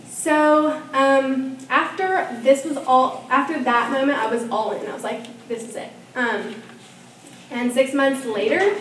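A young woman, a student, telling her personal faith story in a casual way, with many ums and likes. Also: a little high. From Norman, Oklahoma. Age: young adult. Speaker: student giving testimony. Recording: echoey room, from far off, faint hiss.

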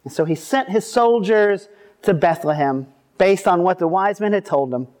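A man's voice: sits high, moderate pace, a little mellow. A man preaching to a congregation at a pulpit microphone, speaking as a pastor in an informal, explanatory way. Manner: informal, explanatory, lightly humorous. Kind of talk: scripture reading and conversational sermon. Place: speaking to a seated congregation at a church service.

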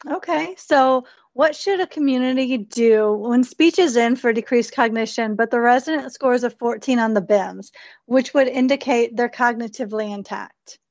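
Female host for a training podcast, fairly high voice, formal scripted delivery, lo-fi recording. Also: moderate pace, a little mellow, no echo. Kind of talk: scripted educational podcast interview. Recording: dull, lo-fi podcast audio.

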